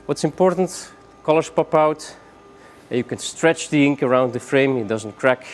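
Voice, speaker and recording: Breathless man demoing printing products. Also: mid-range voice. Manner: hurried, breathless, with many fillers. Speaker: product presenter. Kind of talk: fast-moving product demonstration.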